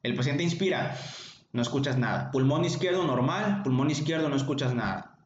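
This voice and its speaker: Joking Mexican lecturer in an echoey room. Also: male voice, mid-range voice, animated, fairly quick, slight background noise. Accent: Mexican Spanish. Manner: chatty, joking, questions students by name. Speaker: medical lecturer. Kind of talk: informal online class. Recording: echoey, dull lo-fi room recording.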